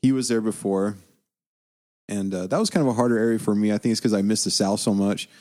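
A man's voice: fairly low pitch, quick pace, a little mellow. A young man casually telling stories about his mission, laughing often as he talks. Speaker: guest. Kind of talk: casual storytelling.

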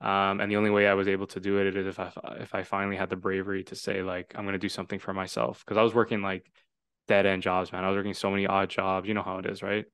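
A man's voice: sits low, monotone, fast, fairly bright tone, clear, resonant tone, no room sound. A man in his twenties from Toronto, hosting a casual podcast conversation in an earnest, reflective, rambling way. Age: 20s. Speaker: podcast host.

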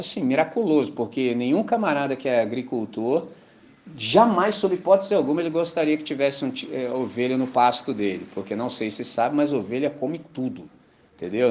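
Chatty Brazilian pastor preaching. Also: male voice, mid-range voice. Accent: Brazilian Portuguese. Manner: conversational, keeps asking "entendeu?"; slangy and animated. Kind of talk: sermon. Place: church service.

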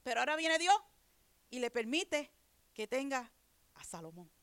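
A woman's voice: high voice, sing-song, moderate pace, fairly bright tone, no room sound. A woman preaching a sermon in a conversational way, often checking in with her listeners and reading scripture aloud before explaining it. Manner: conversational preaching, repeatedly asks "¿verdad?".

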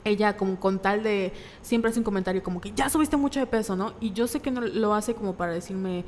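A young woman with a Mexican accent chatting casually, acting out quoted lines from her mother in animated bits. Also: medium pitch, fairly quick, a little hiss or hum. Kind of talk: casual chat. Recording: long reverb, faint background ambience.

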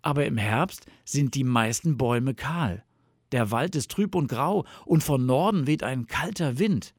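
A man's voice: mid-range voice, lively intonation, measured pace, breathy edge, dry recording, clean studio sound, voice pushed up. A man voicing a fretful, complaining male fox in a storybook reading, in a raised, plaintive voice. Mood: gloomy.

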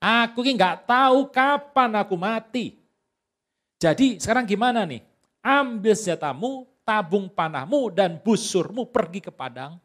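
A preacher acting out an old, blind father near death, begging his son for a last meal. The voice lifts well above his usual pitch and gets louder. The words come out drawn and slow. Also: animated, heavily acted. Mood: pleading. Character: old blind dying father asking for food.

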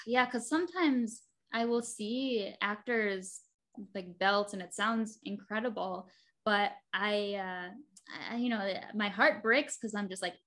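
A woman's voice: medium pitch, slow, a bit bright. A woman co-hosting a casual podcast in a gushing, slangy manner, peppering her talk with "like". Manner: gushing, slangy, heavy use of "like". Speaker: podcast co-host.

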